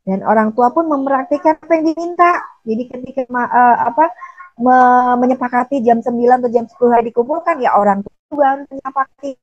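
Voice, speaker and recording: A middle-aged woman giving a gentle talk to parents as a parenting coach, calling her listeners dear and acting out what parents say. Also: high voice, quick pace, no room sound, lo-fi sound.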